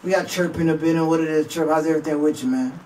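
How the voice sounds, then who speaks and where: A man with a slightly higher voice hosts a radio show, full of shout-outs and repeated "okay, okay" affirmations. He sits a bit away from the mic, with faint studio noise around him. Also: steady tone, racing, recorded from a distance, poor audio. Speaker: radio DJ host. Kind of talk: casual interview chat. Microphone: studio boom mic.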